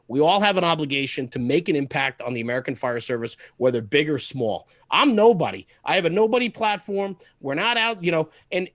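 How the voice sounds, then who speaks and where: On a dry, studio-quality recording, a fairly bright, slightly high male voice belongs to a fire service media host guesting on a casual podcast. He delivers an earnest monologue, driving points home by repeating himself.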